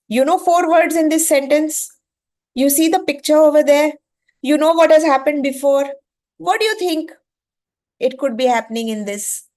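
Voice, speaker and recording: An Indian educator with a fairly high, darkish voice and an Indian accent, whose native language is Gujarati, leads a masterclass on reading. Her explanatory talk emphatically repeats phrases and checks in with short questions.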